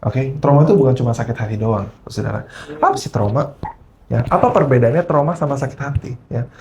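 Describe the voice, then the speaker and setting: Animated male preacher mixing in English. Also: medium pitch, fairly quick. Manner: mixes English phrases into his preaching; keeps checking in with the congregation. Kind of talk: sermon. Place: church service.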